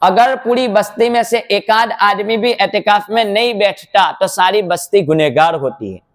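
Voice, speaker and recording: A mufti delivering a sermon in a mosque, explaining points step by step with rhetorical questions and quoted sayings. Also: male voice, high voice.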